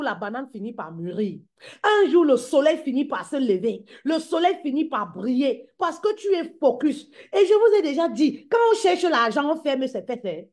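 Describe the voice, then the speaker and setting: A woman's voice: sits high, darkish tone. A woman giving a motivational talk to women as a business coach, emphatic and repetitive, calling her listeners queens and mama.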